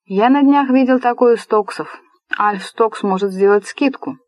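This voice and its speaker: A woman's voice: fairly high pitch, moderate pace, dry recording, lightly acted. A woman playing a brash, rude young man. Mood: boastful. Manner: loud, blunt, bossy.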